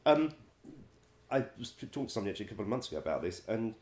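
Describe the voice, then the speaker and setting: Low-voiced guy spinning wry showbiz stories, lots of ums and chuckles, echoey room. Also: big pitch swings, racing, darkish tone. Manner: chatty, wry, laughs often, many ums. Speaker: musical director and vocal coach. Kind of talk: casual anecdote-telling.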